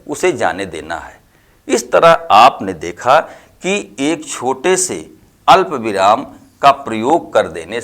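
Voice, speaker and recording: A man gives a grammar lesson at a slow, measured pace. His voice moves animatedly up and down as he stresses each point. He explains carefully, one example at a time. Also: medium pitch, fairly bright tone. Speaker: Hindi teacher. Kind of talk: classroom-style lesson.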